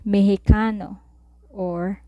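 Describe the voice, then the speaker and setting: A woman tutor teaching a Spanish vocabulary lesson, saying each word and then repeating it slowly for learners. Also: mid-range voice, fairly even intonation, no echo, muffled recording.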